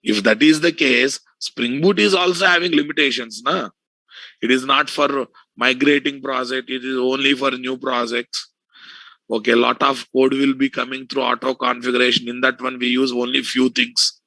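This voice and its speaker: Male tech tutor, Telugu accent, bright cutting tone, dry sound, informal lecturing with repeated points and frequent check-ins. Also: medium pitch, steady tone, moderate pace, no room sound, poor audio. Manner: repetitive, checking often for understanding. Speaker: software instructor teaching an online class.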